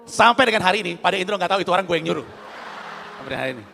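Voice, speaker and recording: Male stand-up comic, high gravelly voice, animated, voices his characters, reverberant hall. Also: racing, slight background noise. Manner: animated, acts out other people's voices. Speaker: stand-up comedian. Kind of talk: stand-up comedy routine. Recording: long hall reverb, faint ambience.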